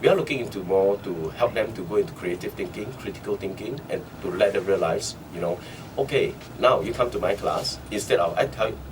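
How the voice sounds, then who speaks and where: A man from Singapore who founded a training centre, speaking as a guest in a radio interview and getting animated as he acts out conversations. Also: fairly low pitch, brisk, hardly any pauses. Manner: animated, acts out dialogue in quotes. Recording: distant mic with faint background noise.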